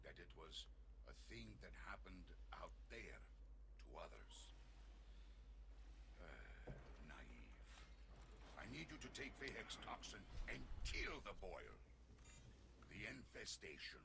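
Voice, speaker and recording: Brief: grim, gravelly game character, low and hushed, over a noisy stream. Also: male voice, big pitch swings, slow pace, pauses often, heavily acted. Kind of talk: video game dialogue.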